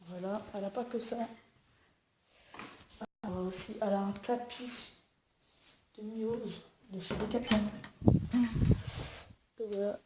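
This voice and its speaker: A woman's voice: medium pitch, fairly even intonation, a little slow, pauses often, noisy background. A young woman filming a casual home-tour vlog, rambling with many fillers and restarts while she is sick. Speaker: YouTuber. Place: at home indoors.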